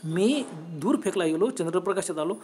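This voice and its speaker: A man with a Marathi accent narrating a horror story, lively and acting out the people he quotes. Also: high-pitched, moderate pace. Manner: animated, acts out quoted voices.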